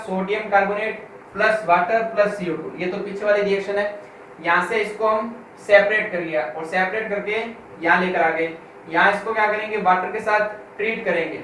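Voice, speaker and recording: A male chemistry teacher with a high-pitched, slightly bright voice gives a classroom lecture, asking the class questions and answering them himself while slowly repeating key terms. He reads English textbook lines slowly, word by word. The recording comes from far off in an echoey room with faint noise.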